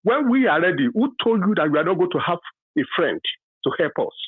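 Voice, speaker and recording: A man in his fifties from Nigeria with a Yoruba accent, calling in to a radio talk show to give his opinion, halting and full of fillers, then emphatic. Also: sits high, very animated, breathy edge, dry recording. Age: 50s. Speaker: caller. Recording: dry tinny phone line.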